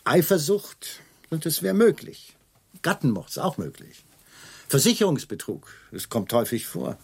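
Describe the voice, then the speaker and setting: A middle-aged actor playing a Scotland Yard chief inspector, asking probing questions in a dry, ironic way in a 1970s radio drama. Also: male voice, a little high, very animated, normal speed, creaky, slightly rough, full character voice. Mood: wry.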